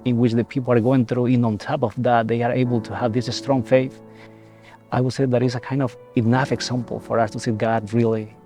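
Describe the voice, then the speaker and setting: A young man from El Salvador gives a reflective personal testimony as a seminarian, speaking haltingly with many repeated words and restarts. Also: mid-range voice, level tone. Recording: soft music behind.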